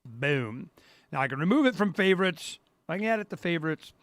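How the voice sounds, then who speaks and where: A middle-aged man hosting his own show, walking viewers through a website in a loose, rambling way and exclaiming "boom" often. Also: lively intonation, a little fast, a bit bright, no room sound. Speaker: radio show host. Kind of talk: casual live-stream walkthrough. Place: home studio.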